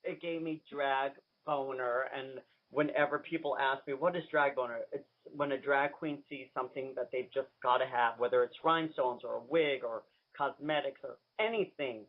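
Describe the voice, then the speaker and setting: A man's voice: mid-range voice, moderate pace. A man hosting a radio interview over the phone, gushing, flamboyant and enthusiastic. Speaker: radio host and drag queen. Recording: tinny phone line.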